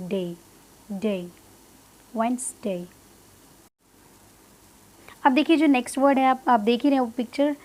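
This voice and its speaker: A woman with an Indian English accent teaching English pronunciation, mixing in Hindi and drawing out each model word slowly for learners. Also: sits high, darkish tone. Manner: slow, drawn-out model words, repeated for learners; mixes Hindi with English phrases. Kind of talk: spoken language lesson.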